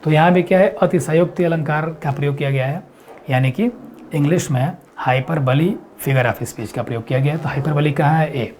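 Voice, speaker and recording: A man teaching an exam-prep lesson, explaining step by step and answering his own questions, reading quiz lines slowly. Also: a little high, a little mellow, slight background noise. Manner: reads English quiz lines slowly and deliberately.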